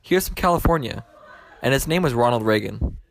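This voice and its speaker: A man's voice: mid-range voice, animated, a little fast, vocal fry, a little hiss or hum. A man narrating as a plain-spoken storyteller. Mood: reflective. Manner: plain, matter-of-fact storytelling. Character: man looking back on his life as narrator. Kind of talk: scripted narration.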